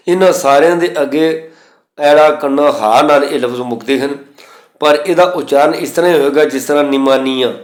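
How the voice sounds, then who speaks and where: A man teaching the pronunciation of scripture, reciting verses slowly and spelling out letters and vowel signs methodically. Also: mid-range voice, reverberant. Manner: slow chanted recitation of verses between explanations. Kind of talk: recorded lesson on scripture pronunciation.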